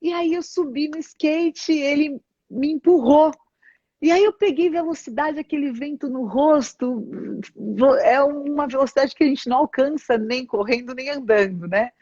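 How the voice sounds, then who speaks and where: A woman's voice: high-pitched, moderate pace, no room sound. A woman bishop with a Brazilian Portuguese accent, telling a personal testimony in an interview and acting out the dialogue as she goes. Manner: animated storyteller, acts out dialogue. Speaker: church bishop, interview guest. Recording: dull, dry sound.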